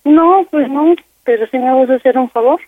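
A woman's voice: high voice, moderate pace, no room sound. A woman playing the daughter, talking in a whiny, pushy way. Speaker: daughter in prank call. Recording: tinny phone line with faint noise.

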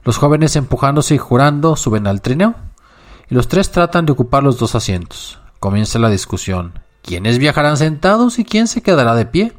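A man narrating a literary short story in a measured, unhurried reading. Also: medium pitch, sing-song.

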